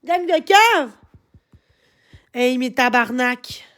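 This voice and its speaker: A Québécois woman with a very high, piercing voice rants on a livestream. She shouts and swears constantly and sounds tearful and upset. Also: expressive, drawn-out words. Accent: Québécois French. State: upset, crying at times. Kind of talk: angry livestream rant.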